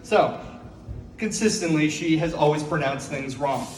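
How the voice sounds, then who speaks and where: A man's voice: fairly high pitch, unhurried, a little mellow. A young man performing a stand-up set on a coffee shop stage, telling self-deprecating stories and laughing at his own jokes. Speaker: stand-up comedian. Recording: echoey coffee shop from far off. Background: audience laughing.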